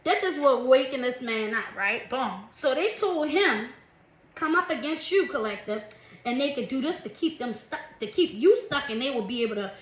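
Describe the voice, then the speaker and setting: High-voiced chatty woman tarot reader. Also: animated, normal speed, hardly any pauses. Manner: chatty, calls listeners "collective" and "baby", laughs often. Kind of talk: casual tarot reading. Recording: echoey room, faint noise.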